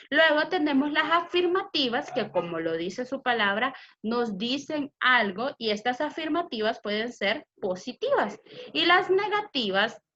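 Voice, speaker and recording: A woman's voice: high-pitched, fairly bright tone. Woman teacher going thru grammar for kids, patient, lots of examples, kinda muffled lo-fi audio. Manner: patient, explains step by step with example sentences. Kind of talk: recorded grammar lesson for children. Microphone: computer mic.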